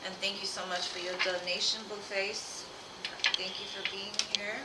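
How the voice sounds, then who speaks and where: A woman with a medium-pitched voice hosts a casual livestream in an informal, familiar way. The room echoes around her and there is clear noise in the recording. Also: little pitch movement, moderate pace. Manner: informal, familiar address to viewers. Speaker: live tarot reader and host. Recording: roomy, distant mic, clear background noise.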